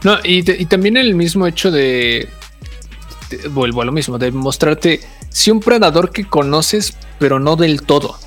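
A man's voice: fairly high pitch, expressive, unhurried, a bit bright, faint music behind. Hesitant man reviewing a film. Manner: hesitant, many restarts and filler words. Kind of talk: casual film review chat.

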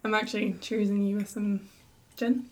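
A woman from Skye, a podcast guest, chatting over drinks in an animated way, laughing and quick to question. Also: medium pitch, a little hiss or hum. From Isle of Skye, Scotland. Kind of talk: relaxed conversation over drinks.

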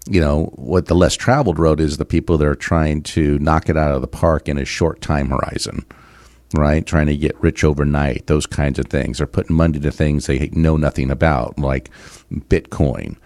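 A middle-aged man, a financial advisor hosting a podcast, explaining in a halting way with many fillers. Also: rumbling low, steady tone, darkish tone, no room sound. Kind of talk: casual podcast chat.

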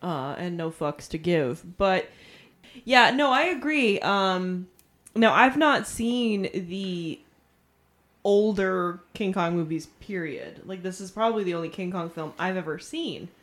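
A woman's voice: fairly low pitch, a little slow. A young woman co-hosting a podcast, chatting casually about movies in a rambling way, swearing and losing her thread. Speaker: podcast co-host.

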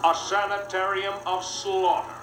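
An old newsreel announcer, high and echoey. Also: male voice, a little slow, music in the background. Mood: ominous. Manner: punchy, declaiming, monotone newsreel cadence. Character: brisk dramatic male 1930s newsreel announcer. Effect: old 1930s newsreel narration. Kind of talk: scripted dramatic narration.

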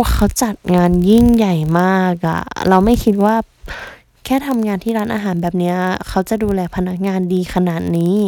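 A woman recounts a story casually and expressively, slipping into what others said. Her voice has a gravelly fry at mid pitch. The sound is dry and close. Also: dark tone, no echo.

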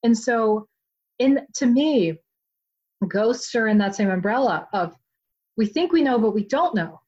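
A woman author being interviewed, talking in a chatty, animated way with many "like" fillers. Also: fairly high pitch, unhurried, highs cut off. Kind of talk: casual interview chat.

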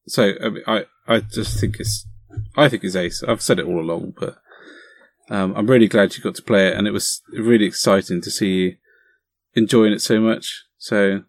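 A man's voice: fairly low pitch, dry recording. Enthusiastic man, dry close sound. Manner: enthusiastic, encouraging, chatty. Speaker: podcast co-host. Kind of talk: casual chat about tabletop wargaming.

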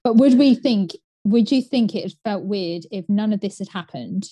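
A woman's voice: medium pitch, normal speed, dark tone, dry recording. A woman co-hosting a casual chat podcast, chatty and filling her talk with "like" and "um". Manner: chatty, frequent "like" and "um". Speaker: podcast co-host.

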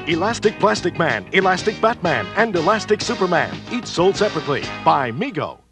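A man's voice: high voice, very animated, fairly quick. A man doing the announcer voice-over for a toy commercial, taken from an old TV ad. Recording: loud music bed, archival TV ad.

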